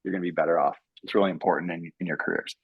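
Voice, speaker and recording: A man, a software engineer, giving earnest advice to students on a panel and acting out his own thoughts as he goes. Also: low voice, racing, husky, no echo, narrow, tinny audio. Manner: earnest, animated, acts out his own inner voice.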